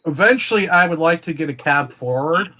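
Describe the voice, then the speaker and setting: A man chatting casually as a guest on a livestream, explaining things slowly with lots of fillers and restarts, heard over a video call. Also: on the high side, lively intonation, sharp tone. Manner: slow, meandering explanations with many fillers. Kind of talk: casual chat.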